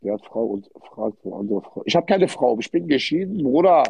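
A man's voice: mid-range voice, sing-song, a little fast, vocal fry, dark tone, husky, no room sound. A man with an Arabic-influenced accent in German, chatting casually on a livestream in streetwise slang, with frequent Arabic interjections and repeated words. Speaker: livestream host. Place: indoor hotel room. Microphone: phone without headphones, held close. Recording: dull, lo-fi phone livestream audio.

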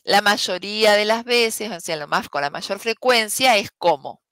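A woman's voice: medium pitch, expressive, unhurried, a bit bright, no echo. A woman teacher, patiently explaining an English lesson step by step and often checking in with "¿sí?". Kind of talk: online class explanation.

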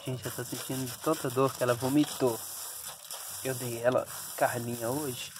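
A man's voice: medium pitch, steady tone, moderate pace, background noise. A man films his dog giving birth, talking to her in soothing baby talk that often drops to a whisper. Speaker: dog owner filming a birth. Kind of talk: casual vlog narration.

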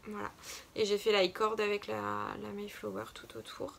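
A woman's voice: medium pitch, flat delivery, normal speed, creaky. A woman co-hosting a casual knitting podcast, talking hesitantly with many fillers and restarts. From France. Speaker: podcast co-host. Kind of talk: casual chat about knitting.

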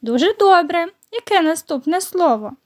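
A woman primary school teacher giving a recorded lesson to young children, slowly and patiently explaining each word. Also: extremely high pitch, animated.

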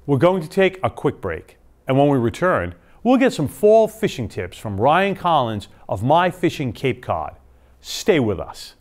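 Lively-pitched male TV host. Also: normal speed, slight background noise. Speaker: TV magazine show host. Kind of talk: scripted studio presenting. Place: indoor TV studio.

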